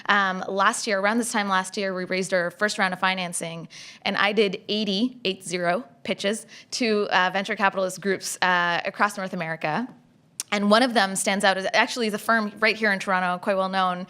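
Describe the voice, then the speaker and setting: A young woman who grew up in Saudi Arabia talks on a stage panel, speaking into a table microphone. She is animated and gestures as she tells her story. She voices the people she quotes with extra life. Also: mid-range voice, moderate pace, smooth. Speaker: panelist, startup founder. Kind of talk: panel discussion. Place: stage at a panel event, indoors. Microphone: table mic on a stand.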